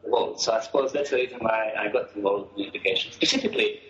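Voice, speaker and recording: A middle-aged man speaks in a fairly low voice, pausing often with fillers. He is heard over a dull, muffled call line. The sound is roomy and echoey. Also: fairly bright tone. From Croatia. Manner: hesitant, many fillers and restarts. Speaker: guest. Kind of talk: interview answers. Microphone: phone or call line.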